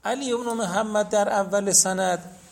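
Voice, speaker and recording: A man's voice: sits high, vocal fry. A man teaching a seminary class on hadith, reciting Arabic narrator chains and explaining them step by step to his students. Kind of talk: hadith lesson.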